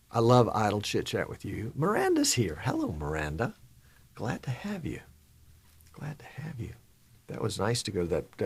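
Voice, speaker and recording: Middle-aged male stream host with a low, gravelly voice, rambling and talking to himself in a small studio. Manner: rambling, mutters to himself while working the software. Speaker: live-stream show host. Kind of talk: casual live-stream chat.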